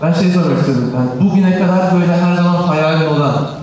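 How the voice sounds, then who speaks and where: A man in the audience asks an eager, halting question. His voice is slightly high and he talks quickly. He sounds far off in a reverberant hall. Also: background noise. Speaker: audience member asking a question. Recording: distant voice in a big reverberant hall.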